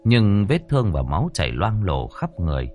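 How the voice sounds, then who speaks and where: A man narrating a ghost story audiobook in a measured, dramatic storytelling manner. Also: deep voice, big pitch swings, mellow, faint music behind.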